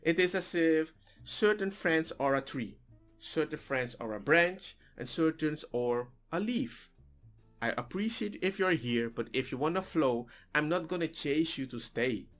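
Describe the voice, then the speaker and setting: Talking into a headset, this reaction video host, a man in his forties whose first language is Papiamento, reflects casually from a small home room, stumbling and restarting now and then. His voice leans high, expressive, fairly bright and unhurried, with faint music in the background.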